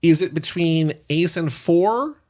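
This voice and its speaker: A man's voice: a little high, takes it slowly, a little mellow. A man co-hosting a podcast, casually chatting and leading with questions. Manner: inquisitive, leads with questions. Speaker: podcast co-host. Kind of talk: casual chat.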